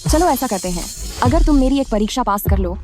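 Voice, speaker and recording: A woman's voice: a little high, expressive, brisk, natural voice. A woman voicing a proud, bossy young wife in a dubbed drama, with music behind. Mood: demanding. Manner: haughty, commanding. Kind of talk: Hindi-dubbed short drama. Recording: voice over music.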